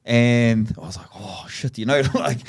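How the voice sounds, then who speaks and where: A man's voice: mid-range voice, normal speed, vocal fry, smooth. A man with a broad New Zealand accent telling a casual anecdote in slangy, matey talk among friends. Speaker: podcast host and storyteller. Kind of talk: casual chat, yarning anecdote.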